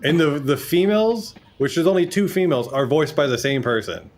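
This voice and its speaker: A man's voice: on the high side, lively intonation, a little fast, a little hiss or hum. A young man giving casual, laid-back commentary while streaming a video game, chatting and swearing freely. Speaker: gaming streamer. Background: game music.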